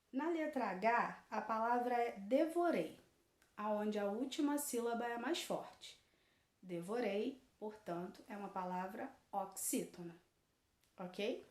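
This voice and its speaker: A woman teacher, slowly correcting a worksheet in a recorded lesson and repeating each answer. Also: on the high side, echoey room.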